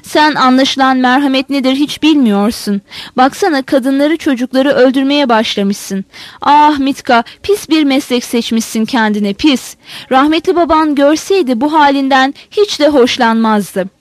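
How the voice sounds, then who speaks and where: A woman's voice: high-pitched, moderate pace, no echo, natural voice. A woman reading the part of a stern old Cossack father who speaks firmly and resolutely. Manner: firm, resolute.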